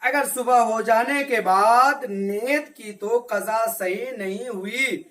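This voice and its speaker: A man's voice: extremely high pitch, a bit bright. Man teaching kids a reading lesson. Patient and repetitive, quizzes his class and answers for them. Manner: asks questions and answers them himself; slow, repetitive drilling. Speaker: religious teacher. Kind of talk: Arabic reading lesson for children.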